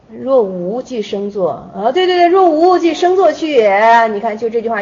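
A woman explaining an old Zen dialogue in a relaxed, repetitive way, pausing often. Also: high-pitched. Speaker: Buddhist teacher. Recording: dull lo-fi recording.

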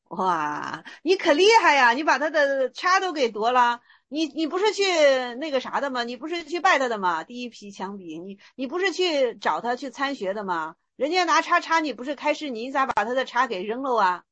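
A woman dharma teacher talks through Zen stories in a casual lecture. Her voice is high and bright, and she teases her listeners in a lively way. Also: normal speed, hardly any pauses. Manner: lively, teasing, acts out dialogue.

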